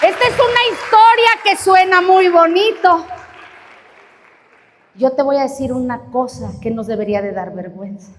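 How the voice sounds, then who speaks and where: A woman's voice: high-pitched, normal speed, some chatter behind, a little hiss or hum. A woman preacher tells a story dramatically during a sermon at a retreat. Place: large hall at a retreat. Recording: reverberant hall.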